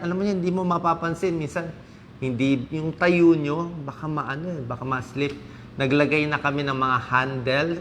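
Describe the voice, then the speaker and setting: A middle-aged doctor from the Philippines talks through health advice in a relaxed, chatty way, often checking in with the listener. His voice sits at a medium pitch. A faint background hiss runs under the recording. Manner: conversational, with many fillers and tag questions. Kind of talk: casual health talk.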